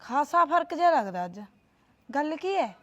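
Woman as a sly high-voiced sister-in-law, coaxing, dull lo-fi. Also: big pitch swings, moderate pace, fairly bright tone. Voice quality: coaxing, needling. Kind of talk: short family drama.

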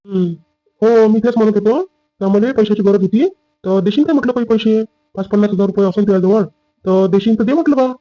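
Guy doing a gruff older farmer dad, mellow voice, dry room. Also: sits high, a little fast, no room sound, dull audio, close to an everyday voice. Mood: calling. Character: older farmer father, proud and stern. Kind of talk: family drama skit.

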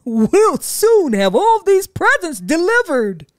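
A woman's voice: extremely high pitch, big pitch swings, slow, no room sound, clean studio sound, pitched above the performer's own voice, full character voice. A woman voicing jolly old Santa Claus in a children's storybook, with hearty, blustering exclamations. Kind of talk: children's storybook read-aloud.

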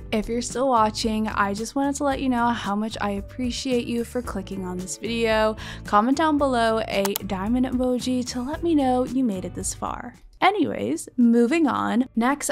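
A young woman in her twenties talking as a beauty vlogger, chatty and upbeat, calling viewers babes and friends. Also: a little high. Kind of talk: shopping vlog voice-over.

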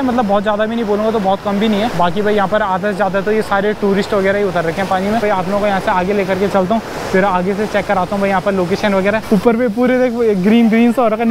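Young male vlogger, high voice, chatty tour guide, handheld camera outdoors. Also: background noise. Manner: chatty, keeps calling viewers "bhai", pointing things out. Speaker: travel vlogger. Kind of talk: casual travel vlog walkthrough. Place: outdoors at a riverside tourist spot and in a cave. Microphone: handheld action camera at arm's length with a lapel mic.

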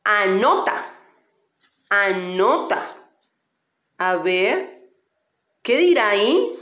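A woman, a kindergarten teacher leading children through a slow syllable-by-syllable reading drill, patient and encouraging. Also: mid-range voice, sing-song, fairly bright tone. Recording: echoey room.

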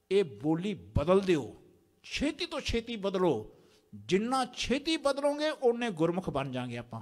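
A man preaching a sermon in a large temple prayer hall, exhorting the congregation and having them repeat lines after him. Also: very high voice. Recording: long hall reverb.

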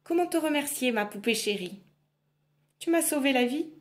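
A woman voicing a timid young peasant girl in a storybook reading, soft and pleading. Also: on the high side, unhurried, voice pushed up, natural voice. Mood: grateful.

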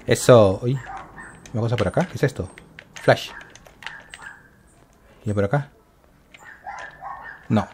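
A man's voice: mid-range voice, slow, long pauses, a little mellow, a little hiss or hum. A man giving casual gameplay commentary, muttering to himself and calling out to his viewers. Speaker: gaming channel host.

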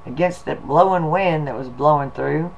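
A man talking casually to viewers and telling a folksy story in an unhurried, drawling way. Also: fairly high pitch, vocal fry, muffled recording, a little hiss or hum. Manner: folksy, slow, drawling delivery with y'all and 'em. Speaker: video blogger.

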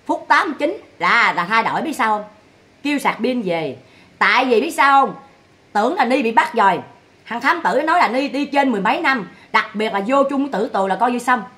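A woman rants in a scolding, mocking vlog monologue, firing off rhetorical questions. Her voice sits high and bright. She keeps up a sharp, needling edge throughout. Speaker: vlogger commenting on family drama.

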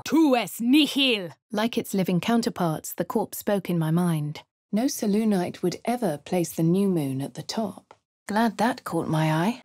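An actress plays a posh young adventuress in a game, reading first-person narration and voice lines at medium pitch with a crisp upper-class English delivery. Her performance swings between quiet whispers and sharp cries. It's recorded on a close studio mic with no echo.

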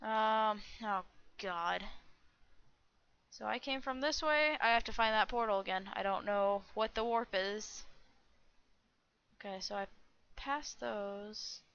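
A woman's voice: medium pitch, slow, a bit bright, smooth. A young woman hosting a gaming channel, rambling to herself through a Minecraft server review and squealing when attacked. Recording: dull lo-fi recording.

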